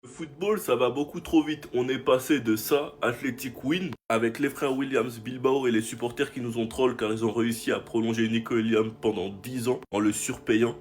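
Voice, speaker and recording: A man's voice: medium pitch, fairly even intonation, moderate pace, hardly any pauses. A man giving casual football commentary as a channel host, talking straight to his viewers. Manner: chatty, addresses viewers directly.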